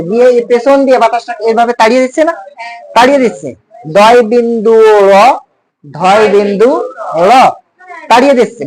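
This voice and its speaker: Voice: mid-range voice, rough recording. Teacher in class, repeats words a lot, quizzes the kids. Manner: explains patiently, repeats terms and quizzes students. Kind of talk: classroom lesson on speech sounds.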